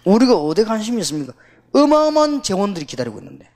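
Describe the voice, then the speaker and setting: A man's voice: high-pitched, wildly swooping pitch, rapid-fire, darkish tone. A male pastor preaching to fellow pastors in a colloquial, storytelling way. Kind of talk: sermon.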